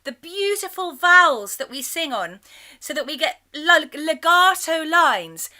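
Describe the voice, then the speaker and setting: Woman choir leader, high bright voice, chatty teaching, middle-aged, sings short examples. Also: sing-song, unhurried. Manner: chatty and warm, breaking into sung examples. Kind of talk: enthusiastic spoken lesson with sung demonstrations.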